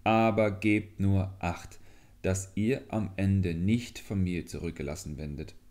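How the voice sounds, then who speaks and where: A man voicing a small, clever male leech in a fairy tale who speaks calmly and lectures. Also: sits low, measured pace. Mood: defiant. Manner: calm, lecturing, mildly scornful.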